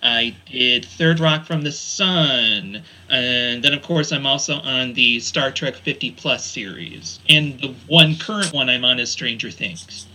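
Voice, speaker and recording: A man's voice: medium pitch, measured pace, few pauses, bright, forceful tone, rough recording. A man in his forties, a panelist on a podcast, chatting casually and enthusiastically with many fillers. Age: 40s. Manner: rambling, enthusiastic, lots of fillers. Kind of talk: casual chat.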